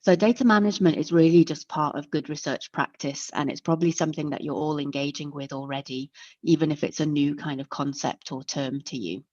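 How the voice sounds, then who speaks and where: A native English speaker presenting a webinar, this woman has a low, deep, slightly mellow voice and delivers a friendly online lecture step by step at a fairly quick pace with fairly even intonation. The audio is dull and lo-fi like a video call, recorded close and dry with no room sound.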